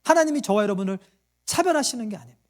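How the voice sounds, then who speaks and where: A man with a very high, animated voice preaches at a rapid-fire pace. As a pastor speaking to his flock, he quizzes the listeners and acts out the voices in the tales he tells.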